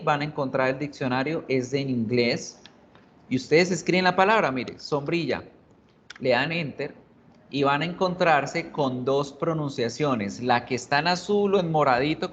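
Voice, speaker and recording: Man teaching, slightly high voice, dull recording. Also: a bit bright, a little hiss or hum. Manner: patient, repeats words slowly for drilling. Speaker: English teacher. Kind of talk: video lesson explanation.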